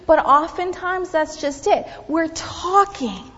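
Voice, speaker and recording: A woman's voice: extremely high pitch, slow, a little hiss or hum. A woman pastor giving a children's message in church, asking the kids questions and often dropping to a whisper. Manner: animated, questioning, drops to whispers. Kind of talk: children's sermon. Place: church sanctuary. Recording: dull recording in a reverberant church.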